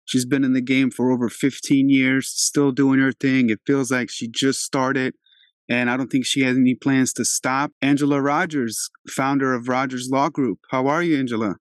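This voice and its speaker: A man's voice: mid-range voice, steady tone, normal speed, no room sound, clean studio sound. A man from Albania in his thirties, hosting an interview in a laid-back, chatty way. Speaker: podcast host. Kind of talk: casual interview talk.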